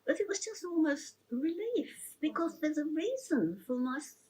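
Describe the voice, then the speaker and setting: A woman's voice: high-pitched, animated, moderate pace, darkish tone, rough recording. An older woman telling her own story in an interview, chatty and heartfelt, rambling with many restarts. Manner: emotional and heartfelt.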